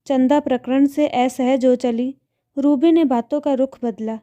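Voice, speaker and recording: A woman storyteller reading a scripted story aloud in a steady, expressive way. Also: sits high, measured pace, lo-fi sound.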